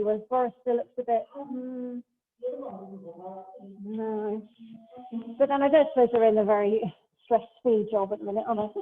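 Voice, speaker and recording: A high-voiced woman talks a Pilates class through each move, calm and step by step, chatting between cues. Her voice rings with a long hall echo and comes through a thin, phone-like line. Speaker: Pilates instructor. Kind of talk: guiding an exercise class. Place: large hall, class streamed over a video call.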